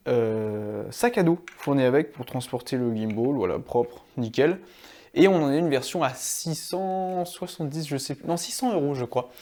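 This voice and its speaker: A young tech vlogger with a mid-range, somewhat dark voice casually demonstrates and reviews a gimbal outdoors in a small courtyard. His talk rambles, full of fillers and restarts.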